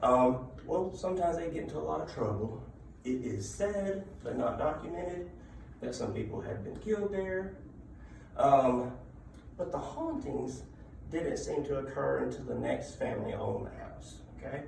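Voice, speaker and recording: A man giving an informal talk of ghost stories and local legends, conversational, with dramatic pauses and check-ins with his listeners. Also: medium pitch, sing-song, gravelly, darkish tone, distant mic. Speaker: public speaker telling local ghost stories. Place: indoor room at a library talk. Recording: echoey room from afar, background noise.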